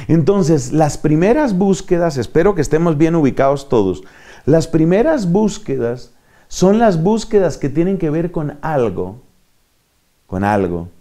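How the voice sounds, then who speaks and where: A man preaches a teaching sermon with a warm, dark tone. His pitch rises and falls with lively animation. He explains patiently and drives his points home with rhetorical questions and short acted-out exchanges. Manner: didactic, acts out little dialogues and asks rhetorical questions.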